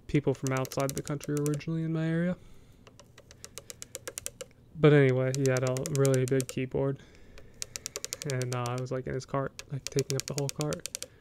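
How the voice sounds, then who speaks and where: Soft-spoken American man doing rambling ASMR, noisy mic. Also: medium pitch, creaky. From United States. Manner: casual, rambling, hesitant. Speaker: ASMR video host.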